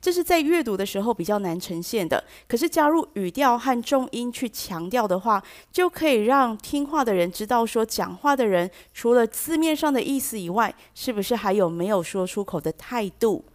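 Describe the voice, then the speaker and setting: A woman's voice: on the high side, animated, moderate pace, few pauses. A woman hosting a bilingual English lesson who explains patiently and drops English phrases into her talk. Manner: acts out example sentences with shifting stress. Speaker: language teacher host.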